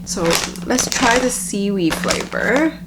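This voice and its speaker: A woman giving a casual, halting taste-test review, with lots of filler words like "like". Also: on the high side, lively intonation, very noisy. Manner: halting, filler-heavy, frequent "like". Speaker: food review vlogger.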